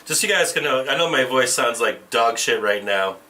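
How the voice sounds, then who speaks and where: A man talking bluntly on a livestream, his voice thin and tinny as if from inside a tin can. The camera mic sits a little away from him, giving a sharp, distant edge. He swears freely and keeps restarting his sentences. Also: medium pitch, expressive, brisk. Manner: profane, blunt, restarts often. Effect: tinny tin-can sound from a camera mic. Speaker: livestream trading host. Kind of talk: casual livestream chat.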